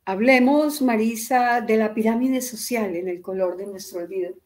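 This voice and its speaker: A woman interviewing an author, asking her questions in a calm, measured way. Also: on the high side. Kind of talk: interview questions and read excerpts.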